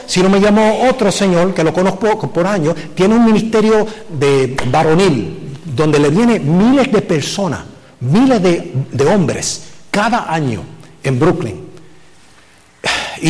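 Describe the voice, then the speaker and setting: A male pastor preaches with lively emphasis and rhetorical questions, slipping English words into his Spanish. His voice sits a little high for a man. The sermon rings out in a church hall with a long reverb. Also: measured pace. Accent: Puerto Rican Spanish from the US Northeast. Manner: animated preaching, rhetorical questions, code-switching with "so". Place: church sanctuary.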